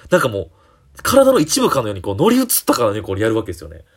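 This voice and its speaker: A young man, hosting a casual solo talk show, animated and full of fillers. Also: lowish voice, slightly rough. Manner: animated, many fillers, jumps between quick and drawn-out phrasing. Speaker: comedian podcast host.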